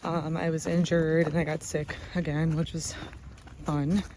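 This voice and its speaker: Hiker from New Jersey, out of breath, chatty and rambling, outdoor trail, handheld phone, clear outdoor noise. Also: medium pitch, level tone, measured pace. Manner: chatty, rambling, many fillers. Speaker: hiking vlogger. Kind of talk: casual walk-and-talk vlog. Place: wooded park trails outdoors.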